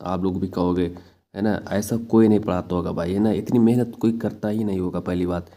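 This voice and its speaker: A man's voice: sits low, fairly even intonation, brisk, dark tone. A young man teaching an online exam-prep class, going over correct spellings again and again and calling students "brother". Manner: repetitive, addresses students as brother, lots of tag questions.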